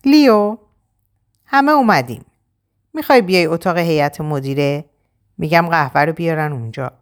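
A woman's voice: low-pitched, lively intonation. A woman voicing a polished, businesslike middle-aged male lawyer who speaks courteously and formally, in an audiobook.

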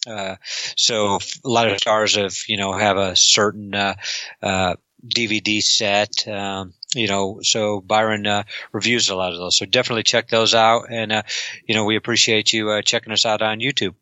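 Man, co-host, casual chat, halting, tense edge, dry sound. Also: on the low side, flat delivery, pushed and bright, no room sound, muffled recording. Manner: halting, full of fillers. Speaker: podcast co-host.

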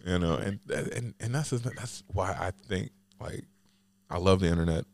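Low-voiced man hosting a casual podcast. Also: moderate pace, gravelly, dry recording. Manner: rambling, heavy use of "like" fillers. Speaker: podcast host.

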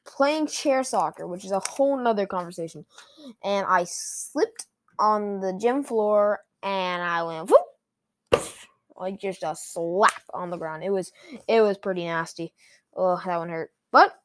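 Woman vlogger, mid-pitch, rambly comic monologue full of fillers and restarts. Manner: rambling, heavy use of "like" and restarts. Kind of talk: casual comedic rant.

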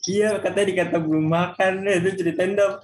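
A man's voice: high voice, steady tone, fast talker. A man in a casual podcast chat, prodding with follow-up questions. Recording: roomy echo with faint noise.

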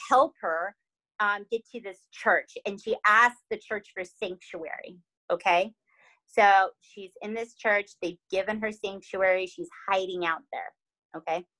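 A young adult woman casually telling a true crime story, animated and dramatic, peppering her talk with "like" and "right?". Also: medium pitch, measured pace, low-quality recording.

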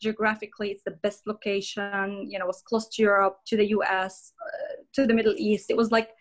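Speaking at a medium pitch, this middle-aged woman from Jordan walks through her career as a guest on a podcast. The interview is laid-back and conversational, and her speech is full of pauses, fillers, and false starts.

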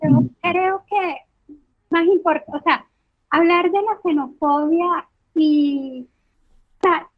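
A woman with a notably high voice and a Venezuelan coastal Caribbean accent that could pass for coastal Colombian. She discusses her views casually as a podcast guest. The audio is narrow and tinny, like a phone call. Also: takes it slowly, long pauses. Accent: Venezuelan, coastal Caribbean, sounding like coastal Colombian.

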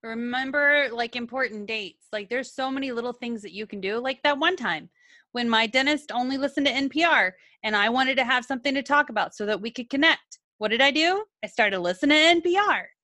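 A woman's voice: high-pitched, a little fast, no room sound. A woman who works as a dental assistant, chatting casually as a podcast co-host and telling stories with lots of laughter. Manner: giggly, animated storyteller. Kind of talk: casual chat.

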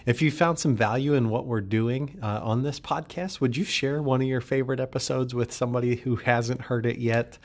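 A man's voice: medium pitch, fairly even intonation, moderate pace, few pauses. A male podcast host speaking in an upbeat, chatty solo monologue and joking with his listeners.

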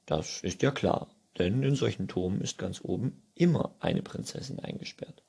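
A man's voice: fairly low pitch, animated, moderate pace, creaky, a little mellow, breathy edge. A man reading a children's book aloud in a playful storytelling manner. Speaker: reader.

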